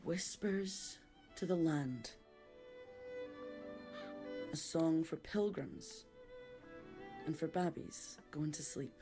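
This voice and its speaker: Soft mother, lullaby voice, very slow, lowish, fiddle behind. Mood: tender. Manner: slow, gentle, sung-spoken. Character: mother singing a Scottish lullaby. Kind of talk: game intro narration. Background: fiddle music.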